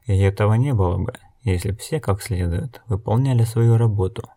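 A man with a fairly low-pitched voice reads an audiobook, voicing a calm, blind wandering woman who speaks in a measured, unhurried way.

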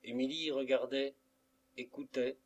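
A man reading a classic novel aloud as an audiobook, in a measured literary way. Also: mid-range voice, fairly even intonation, dull audio. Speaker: audiobook reader. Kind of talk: scripted narration of a classic novel.

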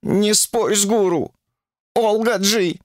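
A man's voice: high voice, takes it slowly, no echo, studio quality, pitched above the performer's own voice. A man reading an audiobook and voicing a cautious, placating male monkey king.

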